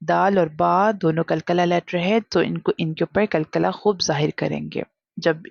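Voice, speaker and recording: In a recorded lesson, a woman teaches Quran reading, spelling out letters by slowly drawing out each syllable, then explaining quickly in mixed Hindi and English. Her voice is fairly low, fairly even, gravelly and darkish. There's no echo, and the highs are cut off.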